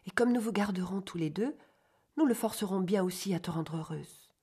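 Guy doing a gentle young lady voice, soft and coaxing, a bit breathy, high for him, audiobook style. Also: brisk. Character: gentle patient young woman, mistress of the house. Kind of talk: audiobook character voice.

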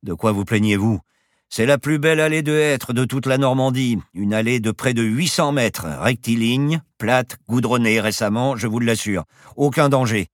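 A man's voice: mid-range voice, normal speed, no room sound, clean studio sound, voice pushed up, close to an everyday voice. A man voicing a boastful, eccentric professor who flies a plane and talks in grand, teasing phrases. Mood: calm grandiose. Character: boastful eccentric old professor pilot, playful.

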